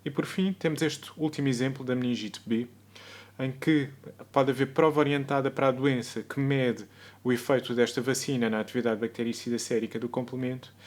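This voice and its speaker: A male medical lecturer with a European Portuguese accent, talking through a recorded video lesson. His delivery is measured and explanatory, and he sometimes corrects himself mid-sentence. His voice sits at an ordinary middle pitch for a man. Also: darkish tone.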